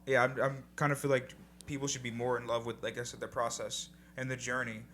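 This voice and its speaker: There's slight background noise as a young podcast co-host talks fairly quickly in a mid-range, somewhat bright voice with flat delivery. His casual chat is relaxed and reflective, peppered with swearing.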